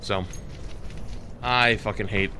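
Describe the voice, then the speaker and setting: A man's voice: fairly low pitch, steady tone, takes it slowly, pushed and bright, a little hiss or hum. A man, a streamer, telling a story in a rambling, exasperated, sometimes profane way. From United States. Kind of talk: casual storytelling.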